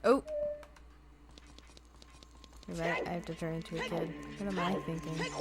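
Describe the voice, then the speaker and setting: A woman streamer commenting on her own gameplay, expressive, with sudden loud exclamations. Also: on the low side, normal speed, over loud music. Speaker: streamer playing the game.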